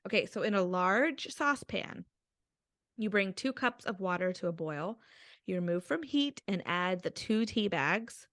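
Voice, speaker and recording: A woman's voice: medium pitch, lively intonation, unhurried, a bit bright, no echo, clean studio sound. A young adult woman co-hosting a podcast with her mother, chatting casually and laughing often over a video call. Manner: giggly, chatty. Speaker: podcast co-host. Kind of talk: casual chat.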